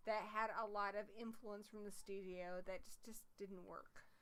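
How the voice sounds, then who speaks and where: A woman's voice: medium pitch, fairly even intonation, moderate pace, fairly bright tone, smooth. A woman co-hosting a horror livestream in casual chat, talking with enthusiasm and swearing freely.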